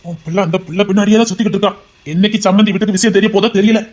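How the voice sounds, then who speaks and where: An actor playing a stern middle-aged father who scolds his son about marriage in a fast, insistent voice. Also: high voice, steady tone, darkish tone, lightly acted. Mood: scolding. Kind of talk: amateur audio drama.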